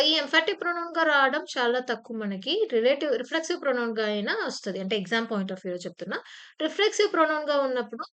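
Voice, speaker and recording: A woman's voice: fairly high pitch, fairly bright tone. A woman teacher giving an exam-prep grammar lesson, explaining patiently with repeated examples and sometimes acting out short phrases with sudden emphasis. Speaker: English teacher. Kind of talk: exam-prep lecture in Telugu mixed with English terms. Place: online class recording.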